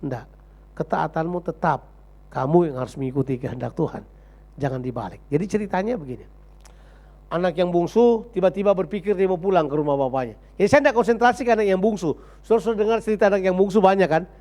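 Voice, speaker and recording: A male pastor preaches a church sermon. His voice sits high and gravelly, and it swings widely in pitch. He acts out the story's characters and moves from hushed lines to near shouts. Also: animated, fast. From Indonesia. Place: church service.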